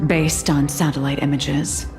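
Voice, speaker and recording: A serious emergency coordinator in a video game. Her voice sits low and sounds orderly and businesslike, with long reverb and faint music. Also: level tone, unhurried. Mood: grave, urgent. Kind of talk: video game character acting.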